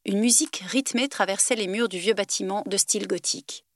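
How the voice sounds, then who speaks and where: A woman reads a novel aloud with lively expression. Her voice sits mid-range, and the recording is dry and close. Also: mid-range voice, brisk, dry recording. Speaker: reader. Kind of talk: audiobook narration.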